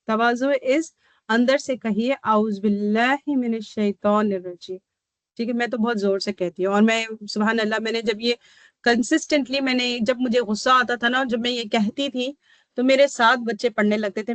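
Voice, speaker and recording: A woman with a fairly high voice teaches an online workshop as a counsellor. She explains step by step and keeps checking that her listeners follow. Her voice sounds dry and close to the mic. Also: fairly even intonation, normal speed, dry recording. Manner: explains step by step, often asking "ठीक है?". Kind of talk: teaching workshop, mixing Hindi and English.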